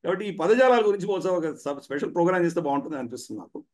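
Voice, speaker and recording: A man's voice: on the high side, animated, rapid-fire, darkish tone. A man speaking as a commentator guest in a studio discussion, explaining at length with frequent "ah" fillers.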